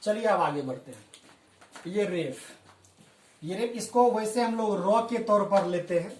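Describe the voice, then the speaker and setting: A male teacher giving a spoken language lesson, patiently explaining and slowly repeating example words. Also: high-pitched, slight background noise. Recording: echoey room, voice from a distance.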